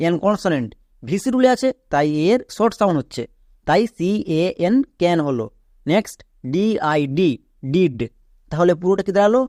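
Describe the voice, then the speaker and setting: A man's voice: sits high, darkish tone, no room sound, studio quality. A man teaching English spelling and pronunciation in a video lesson, explaining step by step and answering his own questions.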